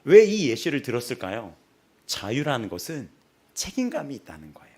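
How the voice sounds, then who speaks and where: A male senior pastor preaching a sermon in a lively storytelling manner, laughing often. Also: medium pitch, a little fast, slightly rough. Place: church sanctuary.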